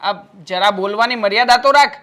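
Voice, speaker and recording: A man acting as a husband caught between his wife and his mother, speaking in a calm, placating way. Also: sits high, brisk.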